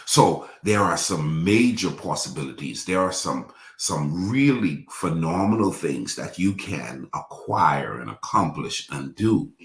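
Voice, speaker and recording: A rumbling low male voice with lively intonation moves at an unhurried pace with few pauses, in an echoey space carrying a little hiss or hum. He's a pastor from the Bahamas, in his forties, who repeats his points and draws affirmations from the congregation in call-and-response fashion.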